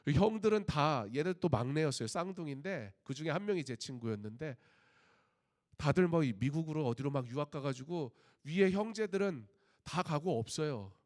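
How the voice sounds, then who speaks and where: A man's voice: medium pitch, darkish tone. A middle-aged Korean man, a pastor, preaching a sermon at a Friday prayer meeting, asking rhetorical questions and telling personal stories.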